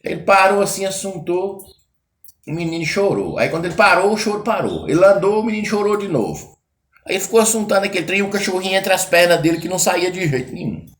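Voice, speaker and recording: A man's voice: high-pitched, animated, quick pace. Male caipira storyteller, casual and rambling, colloquial folk-tale telling. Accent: Brazilian caipira.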